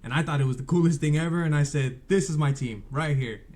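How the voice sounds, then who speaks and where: A man's voice: a little high, quick pace, a little mellow. Enthusiastic male sports reporter guest. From California, United States. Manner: enthusiastic and easygoing. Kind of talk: casual interview chat.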